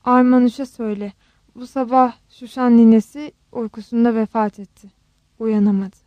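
A woman reading a calm, soothing ex-husband. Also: on the high side, no echo, lightly acted. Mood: grieving. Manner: soothing, steady, measured. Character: calm worried middle-aged ex-husband.

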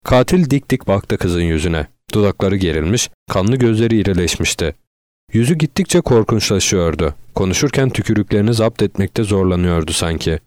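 A man narrating an audiobook in a steady, measured voice. His pitch sits low and deep. The recording is close and completely dry, with no room around it. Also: no echo. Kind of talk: audiobook reading.

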